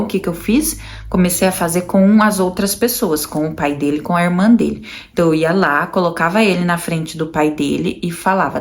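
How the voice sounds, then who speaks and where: A woman with a Brazilian Portuguese accent talking casually to viewers as a mother, explaining things patiently, step by step, and repeating examples. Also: lowish voice. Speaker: mother sharing parenting experience.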